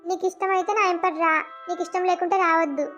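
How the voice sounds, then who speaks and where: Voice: very high-pitched, fairly even intonation, very fast, a bit bright. A voice actor playing a devoted, shy young village man in a cartoon, speaking earnestly with a Telangana accent. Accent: Telangana Telugu. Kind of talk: cartoon voice acting.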